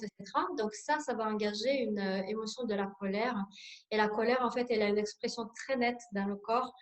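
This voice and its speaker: A woman in her forties with a Russian accent, leading an introductory sophrology workshop in French and explaining things with many hesitant fillers. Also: on the high side. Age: 40s. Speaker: sophrology instructor.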